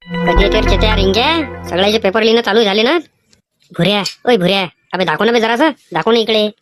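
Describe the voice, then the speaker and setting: A woman's voice: mid-range voice, fast talker, music in the background, close to an everyday voice. A woman voicing a cheeky schoolboy trying to cheat on an exam, pleading and whining in a Vidarbha Marathi accent. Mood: mischievous. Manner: whiny, pleading, mischievous. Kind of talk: animated cartoon voice acting.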